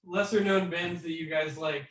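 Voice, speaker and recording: A man's voice: a little high, steady tone, normal speed, distant mic, slight background noise. A man in a band, joking around playfully during a casual group interview. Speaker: band member guest. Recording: echoey room, away from the mic.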